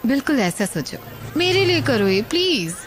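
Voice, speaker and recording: A woman's voice: high-pitched, very animated, moderate pace, background noise. An actress dubbing a playful, coaxing young woman. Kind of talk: Hindi film dub. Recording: film dub over loud music.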